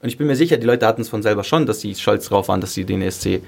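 He speaks rapid-fire in a low-ish, creaky voice: a candid podcast guest in his early twenties from Greece and southern Germany. The singer and song contest contestant keeps the interview chat casual, with youthful colloquialisms and emphatic repetition.

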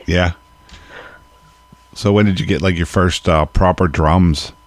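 A male podcast host who announces tracks and asks questions in a measured, polite way. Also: low voice, fairly even intonation, no room sound. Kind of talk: radio-style interview hosting.

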